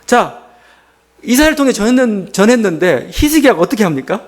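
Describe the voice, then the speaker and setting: Man, church pastor mid-sermon; high, swooping delivery that quizzes the congregation and acts out dialogue. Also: very animated, fairly quick. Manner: rhetorical questions to the congregation; breaks into paraphrased dialogue. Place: church service.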